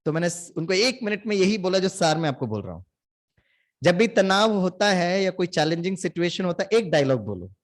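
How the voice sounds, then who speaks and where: A man from India delivers a motivational spiritual talk, leading his listeners through call-and-response and lively storytelling. His voice sits fairly high for a man. He drifts easily between his own language and English phrases as he speaks. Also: a little fast.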